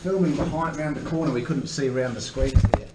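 A man, a caver chatting casually and making wry remarks while exploring deep underground. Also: a little fast. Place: deep inside a rock cave. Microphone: action camera carried in the cave. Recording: echoey cave, far from mic, loud noise.

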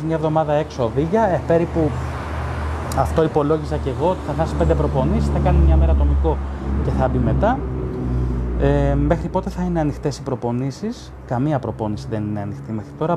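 Background noise accompanies a male sports journalist hosting a live stream in a fairly high voice. He reads viewer comments aloud and argues with them bluntly, with plenty of fillers and restarts in his casual commentary.

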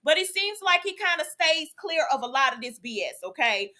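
A woman's voice: sits high, sing-song, a little fast, bright, forceful tone. A woman vlogger chatting sassily through celebrity gossip, calling her viewers y'all and child and tagging her lines with "okay?". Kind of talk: casual gossip commentary.

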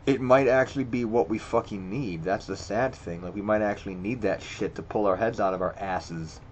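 On a screen recording with voice-over, a video creator reads quiz questions and reacts to each one, blunt and swearing, thinking aloud with stammered restarts. His voice is lowish and moderately paced, and the low-quality recording carries a little hiss or hum.

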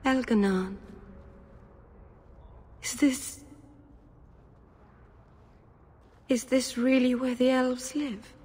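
An actress playing a shy, gentle, naive young elf in a video game, hesitant and earnest. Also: female voice, high voice, slow pace, slightly rough, full character voice. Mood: uneasy wonder.

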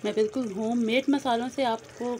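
A woman with a slightly high, dark-toned voice talks at a moderate pace with fairly even intonation. Hosting a cooking channel, she walks viewers through a recipe step by step, friendly and direct, mixing in English words. It's a noisy phone recording in a home kitchen, a pan sizzling and frying behind her.

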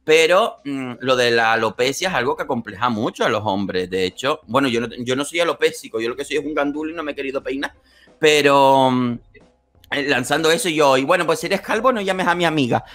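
A man hosting a casual chat, animated and joking with some swearing. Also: mid-range voice, a little fast. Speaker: host.

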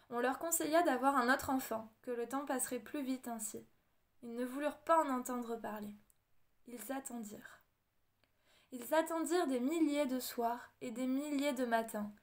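A woman narrates a storybook audiobook in a measured, expressive read-aloud manner. Her voice sits high for a woman. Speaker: audiobook reader.

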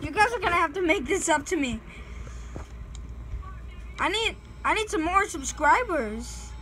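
A woman's voice: extremely high pitch, expressive, measured pace, a bit bright, slight background noise, low-quality recording. A woman giving nervous let's play commentary, sounding scared and pleading with her fans. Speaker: gaming channel host.

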